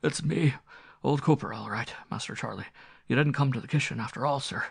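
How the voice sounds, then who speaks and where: Man acting elderly loyal butler, storybook character, deferential, plain-spoken muttering, creaky voice. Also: mid-range voice, fairly quick, no echo, studio quality, pitched above the performer's own voice. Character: loyal old male butler, humble, superstitious.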